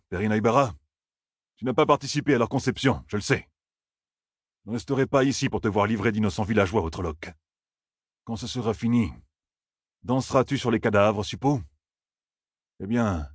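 A man voicing a bitter, vengeful male knight officer with a hoarse voice. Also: on the low side, normal speed, pauses often, dry recording, clean studio sound. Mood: scornful.

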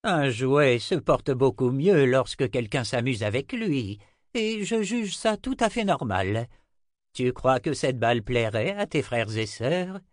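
A man voicing a kindly, wry old male wizard in an audiobook, speaking in a warm, unhurried way. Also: medium pitch, animated, no room sound, studio quality, pitched above the performer's own voice, natural voice. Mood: gentle. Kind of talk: audiobook character reading.

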